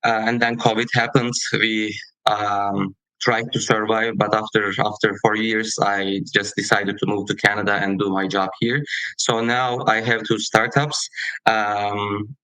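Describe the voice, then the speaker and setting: Man, bright level voice. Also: lowish voice, little pitch movement, unhurried, no room sound, rough recording. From Turkey. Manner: hesitant, many fillers and restarts. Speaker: guest. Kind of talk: podcast interview.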